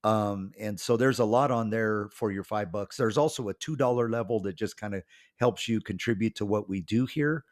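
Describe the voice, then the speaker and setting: Fairly low-pitched and speaking at normal speed, a man who is a pastor, author and podcast host rambles in a relaxed way with many ums. He has a cold, and his voice may crack.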